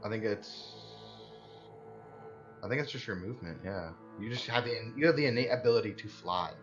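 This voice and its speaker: A man's voice: lowish voice, brisk, dull audio, soft background music. A man running a casual tabletop roleplaying game as game master, thinking his rulings through as he talks.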